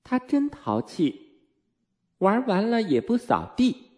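Male reader doing a carefree little girl, raised pitch, breezy and matter-of-fact, storybook. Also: wildly swooping pitch, slow pace, a little mellow, heavily acted. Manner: light, unconcerned tone.

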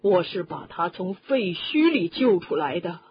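Woman doing big loud emotional gamekeeper guy, storybook reading, slow, lo-fi with faint hum. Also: lowish voice, sing-song. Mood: heated. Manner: loud, heated, choking up. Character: huge gruff male gamekeeper, emotional and loud. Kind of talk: audiobook reading. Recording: dull lo-fi recording with faint hum.

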